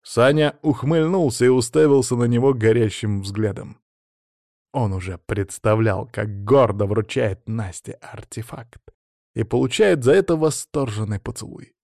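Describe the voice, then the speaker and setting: A man reading fantasy-adventure narration in a steady, even storytelling manner. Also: medium pitch, measured pace, creaky, no room sound, clean studio sound. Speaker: audiobook narrator. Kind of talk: scripted narration.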